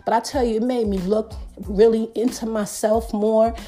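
A woman's voice: fairly high pitch, steady tone, normal speed, warm tone, faint music behind. A middle-aged woman hosting a podcast, ranting emphatically in profane street slang. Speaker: podcast host.

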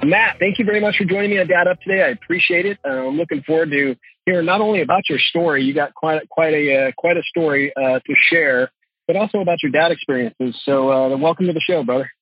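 Quick husky male podcast host. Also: on the high side, no room sound, soft background music. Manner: friendly, loose, filler-heavy questions. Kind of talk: casual interview hosting. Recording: dull lo-fi dry podcast audio.

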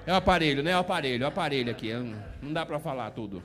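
High-voiced Brazilian preacher, folksy and joking. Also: male voice, lively intonation, very fast, a bit bright. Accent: Brazilian Portuguese. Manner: folksy, joking preacher who keeps asking the listener "tá entendendo?". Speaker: pastor. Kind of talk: informal sermon to a congregation.

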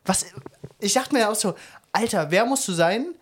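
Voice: mid-range voice, lively intonation, normal speed, slightly rough. A young adult co-host telling a long story in casual chat, rambling with slang and fillers like "bla bla bla".

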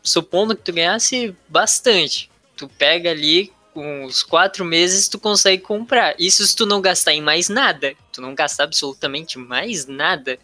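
A man with a Brazilian accent and a bright, slightly high voice, recorded dry and close. He explains things casually, in slangy everyday speech. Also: normal speed, few pauses, no room sound, soft background music. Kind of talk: casual group chat.

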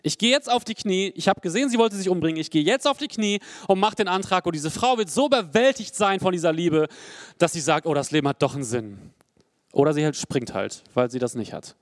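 A young adult man preaching a sermon in an earnest, personal way, rising to emphatic peaks and dropping to quiet, low passages. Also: lively intonation, brisk, no echo, studio quality.

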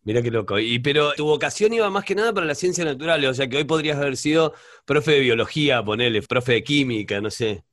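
A man's voice: medium pitch, fast, fairly bright tone, dry recording, studio quality. A man with a Rioplatense Spanish accent interviewing a guest, reacting with enthusiasm and casual slang. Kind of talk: conversational interview.

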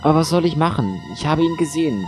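A man's voice: expressive, quick pace, music in the background, lightly acted. A man voicing a frightened, pleading woman patient in an audiobook, in a raised anxious voice. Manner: anxious, pleading, high-pitched. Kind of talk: audiobook narration.

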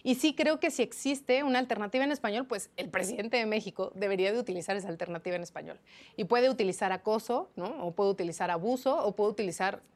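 A woman journalist from Mexico answering interview questions, explaining spelling rules in a lively, teaching way with many fillers. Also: mid-range voice, fast. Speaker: journalist guest.

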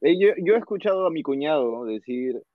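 Casting: lively, quick jokey storyteller guy, dry and thin, phone-like sound. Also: a little high, no echo. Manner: animated, jokey, acts out quoted voices. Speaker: guest storyteller. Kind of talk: casual chat.

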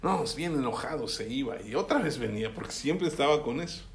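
A man's voice: medium pitch, lively intonation, brisk, slight background noise. A man preaching a sermon in a conversational way, often checking that listeners follow along. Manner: conversational, asks listeners for assent. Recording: echoey room.

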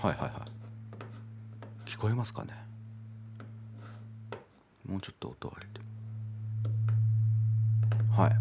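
A lower-voiced man talks through a music lesson in a relaxed, lively way. He pauses often on fillers, searches for words, and corrects himself as he goes. Faint background noise sits under the recording. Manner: thinking aloud with many fillers, self-correcting. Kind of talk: casual explanatory lesson.

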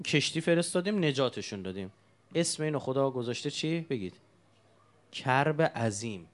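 A man's voice: mid-range voice, sing-song. A man preaching a sermon, telling stories with emotion and asking the congregation rhetorical questions.

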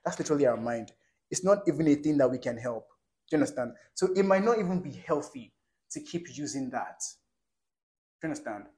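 A podcast co-host speaks fairly quickly in an expressive, mid-range voice with a dark tone. He's earnest and wanders in his talk during the casual conversation, often asking whether listeners "understand."

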